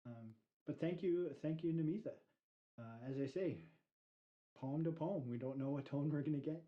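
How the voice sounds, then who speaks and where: A man's voice: fairly high pitch, normal speed, highs cut off. A man hosting a poetry slam between poets, talking casually and hesitantly with lots of fillers into an overhead mic. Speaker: slam host. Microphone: overhead live mic.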